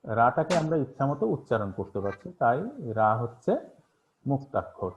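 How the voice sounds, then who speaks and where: A man's voice: medium pitch, big pitch swings, moderate pace, a little hiss or hum. A man teaching an online class, asking questions and answering them himself, with many fillers. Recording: tinny phone-like online class audio.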